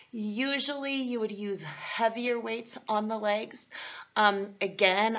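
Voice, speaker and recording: A woman fitness instructor with a hoarse, partly lost voice at a middling pitch, talking listeners through a workout in a chatty, encouraging way. The sound is dull and lo-fi. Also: a bit bright, far from the mic. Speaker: fitness instructor and program host.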